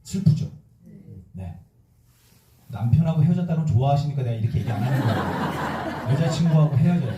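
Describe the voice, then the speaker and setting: A man's voice: mid-range voice, brisk, long pauses, far from the mic, a little hiss or hum. A man, a Buddhist monk, giving a sermon with questions to the audience, acting out quoted voices and joking, in an echoey temple hall a little off the mic. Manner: lively, acts out quoted voices and jokes.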